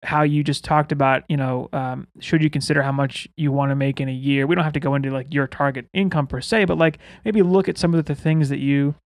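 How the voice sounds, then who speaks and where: A man's voice: on the high side, fairly even intonation, a little fast, hardly any pauses, no room sound, studio quality. A man hosting a podcast in casual, chatty style, with whistling S sounds when he speaks. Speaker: podcast host.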